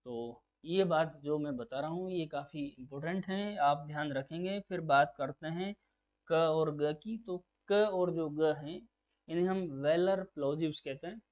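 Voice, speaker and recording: A man's voice: on the high side, moderate pace, darkish tone. A man teaching a phonetics lesson for exam preparation, explaining patiently and repeating key terms as questions to drill them. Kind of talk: exam-prep lecture. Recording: dull lo-fi recording.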